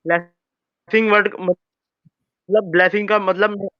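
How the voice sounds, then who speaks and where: A man's voice: sits high, flat delivery, slow, no echo. A man arguing his point as a caller in a debate, his voice coming through a glitchy, stuttering internet call. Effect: glitchy, stuttering internet call audio. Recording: muffled lo-fi call line.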